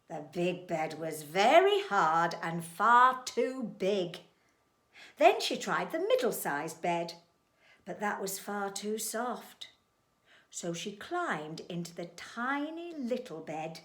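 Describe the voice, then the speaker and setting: A woman reading a children's story aloud in an expressive, playful way. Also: mid-range voice. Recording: echoey room.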